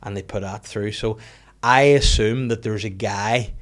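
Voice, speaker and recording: This comedian guest, who has a Northern Irish accent, talks a little slowly in a fairly low voice. His podcast chat is casual, rambling, joking and full of swearing.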